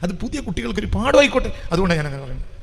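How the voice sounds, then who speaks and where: A male Islamic preacher, giving a sermon. He swings between hushed lines and loud emphatic outbursts and keeps asking his listeners rhetorical questions. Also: sits high, sing-song, very fast, in a large hall, slight background noise. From Kerala, India.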